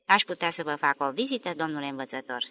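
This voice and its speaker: A tired male stranger in an audiobook who keeps pressing his questions politely, voiced by a woman reader. The voice is low-set and bright. It rises and falls a lot. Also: expressive, no room sound, studio quality. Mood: insistent. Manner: polite but insistent. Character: weary male stranger, persistent and uneasy. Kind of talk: audiobook dialogue reading.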